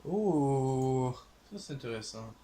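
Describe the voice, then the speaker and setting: A man with a Québécois French accent talks through a game session at an unhurried, drawn-out pace. He hesitates often and fills his pauses with "euh" as he thinks aloud. A faint hiss of background noise sits under his voice. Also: medium pitch, expressive, mellow. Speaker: gaming channel host. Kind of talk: let's play commentary.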